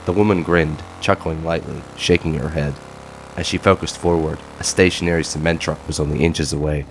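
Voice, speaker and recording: A man's voice: extremely low pitch, fairly even intonation, fairly quick, slight background noise, rough recording. A man narrating a scripted audio drama in a dramatic storytelling style.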